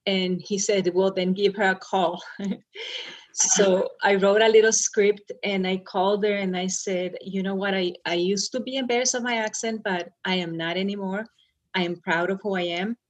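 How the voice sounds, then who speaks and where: A woman's voice: mid-range voice, steady tone, moderate pace, lo-fi sound. Earnest middle-aged woman telling her story. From Arizona. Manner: earnest and reflective, with brief laughs and restarts. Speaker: guest, school superintendent.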